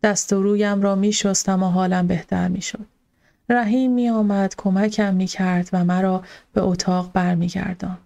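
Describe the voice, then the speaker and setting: Mellow-voiced woman narrating an audiobook. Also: mid-range voice, gravelly. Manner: calm, steady storytelling. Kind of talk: scripted first-person narration.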